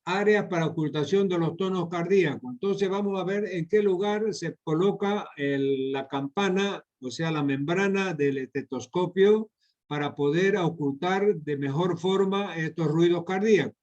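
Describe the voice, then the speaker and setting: A man's voice: sits high, moderate pace, darkish tone. A middle-aged man giving a medical lecture over slides, repeating key points and addressing his students directly. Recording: dull lo-fi lecture recording.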